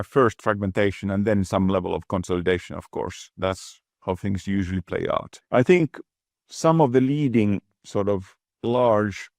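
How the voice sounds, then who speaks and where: Male exec guest, deep voice, deliberate and halting delivery, dry sound. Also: darkish tone, no echo. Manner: measured, thoughtful, frequent restarts and repeated words. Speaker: guest executive. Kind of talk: business interview.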